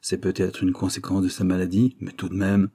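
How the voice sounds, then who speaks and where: A man's voice: low-pitched, monotone, fairly quick, dark tone, breathy edge. A man reading an audiobook, voicing a bewildered, reluctant police inspector. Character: puzzled male police inspector, middle-aged.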